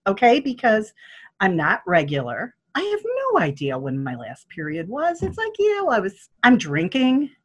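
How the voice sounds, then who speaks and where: An older woman tells a personal story in a casual chat. Her voice is husky and her pitch swings widely as she acts out the people she quotes, laughing along the way. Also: huge pitch swings, normal speed. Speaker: guest telling her birth story.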